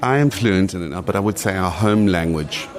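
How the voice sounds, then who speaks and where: A South African man in his late forties, speaking with a South African accent, is a guest in a casual interview. His voice sits low, his intonation is lively, and he talks at a normal speed, rambling and restarting as he goes.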